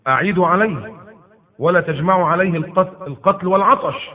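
A preacher voicing a stern commanding caliph. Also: male voice, sits high, fast, pitched above the performer's own voice, lightly acted. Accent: Egyptian Arabic. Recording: tinny phone-like lo-fi audio.

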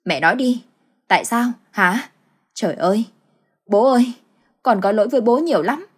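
A woman's voice: on the high side, expressive, moderate pace, slightly rough, pitched above the performer's own voice. A woman voicing a distraught young married man pleading with his mother in a storybook tale. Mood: anguished. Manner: pleading, shocked.

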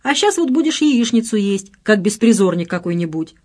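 A woman voicing a fussing, doting middle-aged mother in an audiobook, scolding with lively pitch swings. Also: moderate pace. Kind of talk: audiobook character reading.

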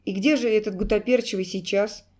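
A woman's voice: fairly high pitch, animated, normal speed, darkish tone, lightly acted. A woman reading an audiobook, voicing a stern, threatening man who speaks curtly. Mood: cold. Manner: curt, threatening. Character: stern menacing adult man.

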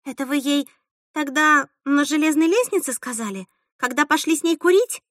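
A woman reading an audiobook, voicing a frightened teenage girl who speaks timidly and haltingly. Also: sits high, lively intonation, fairly bright tone, no echo, studio quality, pitched above the performer's own voice.

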